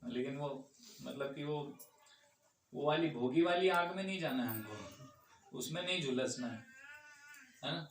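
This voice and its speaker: In a temple hall, a devotee leads an informal question-and-answer discourse, speaking conversationally and often checking that listeners agree. His voice is on the high side with lively intonation, a measured pace, and long pauses. The room is echoey, he is far from the mic, and a faint hum is present.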